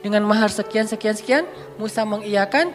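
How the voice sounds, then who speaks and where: A man's voice: high-pitched, brisk. A man giving a casual storytelling sermon, joking and acting out the dialogue. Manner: playful, joking, acts out the dialogue. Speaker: preacher. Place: religious study gathering hall. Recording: long hall reverb with faint music.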